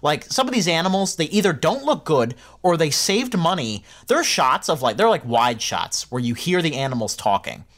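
A man co-hosting a film podcast, giving opinionated, animated reviews in a casual chat. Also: a little high, moderate pace, hardly any pauses. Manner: opinionated, animated, laughs often. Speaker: podcast co-host.

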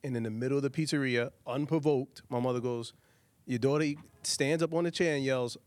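A man co-hosting a podcast who tells a family anecdote in an animated way and laughs through his lines. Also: medium pitch, fairly quick, no room sound. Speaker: podcast co-host. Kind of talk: casual chat, storytelling.

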